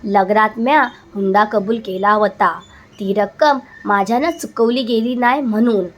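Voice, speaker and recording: A woman's voice: mid-range voice, moderate pace, natural voice. A woman voicing a frightened, humble village father pleading for his daughter in a told folk story.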